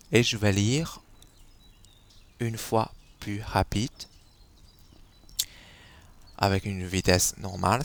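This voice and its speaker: Guy teaching a lesson, low voice, really slow and patient. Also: gravelly. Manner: patient, repeats syllables to model tones. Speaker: Chinese language teacher.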